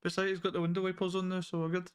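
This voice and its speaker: A man's voice: high-pitched, monotone, rapid-fire, clean tone. A man with a broad Glaswegian Scottish accent and indistinct diction, chatting casually and self-deprecatingly as a co-host. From Glasgow, Scotland. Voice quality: hard-to-follow, indistinct diction. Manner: self-deprecating, laughs at own speech. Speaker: co-host of film reaction channel. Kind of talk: casual chat.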